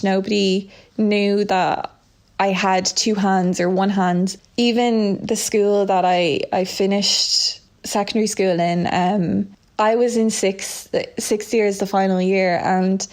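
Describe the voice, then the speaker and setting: Young irish woman, interview guest, earnest, reflective, mid-pitched voice. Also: fairly even intonation, unhurried, a little mellow. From Ireland. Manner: earnest, reflective, with filler words and restarts. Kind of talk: candid personal interview.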